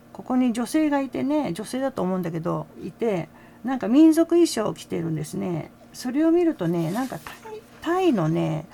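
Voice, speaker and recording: Older woman, casual fan-channel chat, gravelly, faint background hiss. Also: mid-range voice, warm tone. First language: Japanese. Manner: chatty, frequent "ne" tags and small laughs. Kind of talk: casual commentary to camera.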